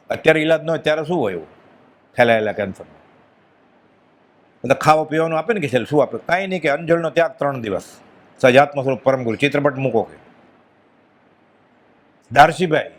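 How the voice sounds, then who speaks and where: A man giving a devotional discourse with a Gujarati accent, earnest and emphatic, dropping his voice when quoting others. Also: on the high side. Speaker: spiritual speaker.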